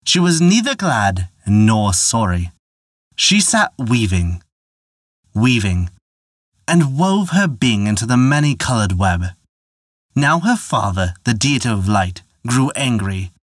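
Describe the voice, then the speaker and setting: A man narrating a folktale in a measured, expressive storytelling manner on a close mic. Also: lowish voice, dry recording.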